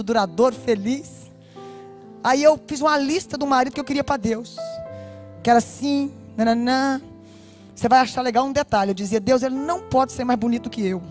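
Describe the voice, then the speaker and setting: A woman pastor with a Brazilian Portuguese accent giving an animated personal testimony, speaking straight to her listeners. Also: high voice. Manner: animated storytelling, addresses listeners directly. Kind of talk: personal testimony told to a congregation.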